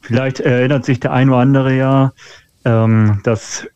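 A man's voice: mid-range voice, level tone, moderate pace, darkish tone, clean tone, no echo. A man calling in over the phone as a guest, chatting casually and hesitantly with lots of filler sounds. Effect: over the phone, a WhatsApp call. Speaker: phoned-in guest, hobby photographer. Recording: dull, dry phone line.

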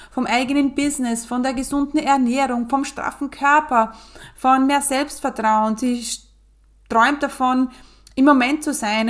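Slow, higher-voiced woman coaching listeners. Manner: slow, earnest, coaching, addresses listener directly. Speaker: podcast host and business coach. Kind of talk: guided visualization podcast talk.

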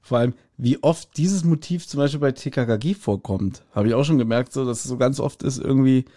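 This man's mellow, medium-pitched voice moves fairly quickly as he co-hosts a podcast. He recaps an audio drama in relaxed talk, regularly seeking agreement.

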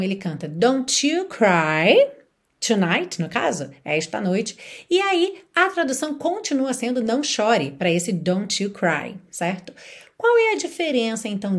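Brazilian woman teacher explaining english, kinda high voice, bounces up and down a lot. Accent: Brazilian Portuguese. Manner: explains patiently, asks the viewer questions, acts out example phrases. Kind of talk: Portuguese-language English lesson.

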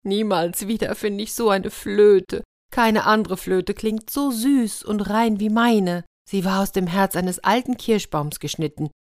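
A woman's voice: deep voice, lively intonation, normal speed, dry recording, clean studio sound. Woman playing a bold young shepherd boy. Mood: pleading.

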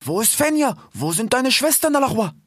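A man's voice: very high voice, sing-song, a little fast, husky, no echo, studio quality, voice pushed up, exaggerated voice. A man voicing a worried, stern fox father who nags and tags questions onto his lines. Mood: scolding. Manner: anxious, ends phrases with "ja?".

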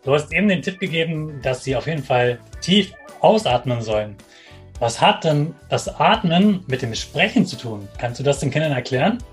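Friendly guy interviewing for kids, bit high voice, soft music behind. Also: lively intonation, normal speed. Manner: friendly, rephrases answers from a child's view. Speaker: children's podcast host. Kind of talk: interviewing for children.

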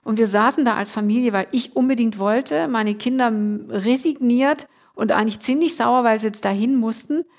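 A woman's voice: a little high, moderate pace, few pauses. A middle-aged woman, a podcast guest, earnestly telling a personal story in casual conversation, emotional and full of restarts.

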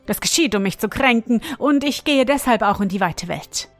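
A woman voicing a haughty, easily offended male dung beetle in a storybook tale, quick and indignant. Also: a little high, lively intonation. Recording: faint music behind.

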